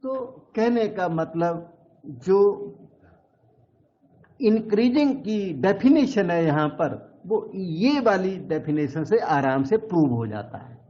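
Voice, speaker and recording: A man with a high voice lectures on maths at an unhurried pace, going over each step patiently and repeating the key terms. The recording is dull and lo-fi. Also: expressive, dark tone. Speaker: maths teacher.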